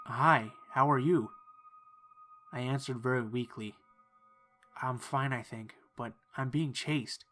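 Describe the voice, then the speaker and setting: A man reading first-person horror stories in a calm, measured storytelling voice. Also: mid-range voice. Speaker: narrator. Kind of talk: scripted horror narration.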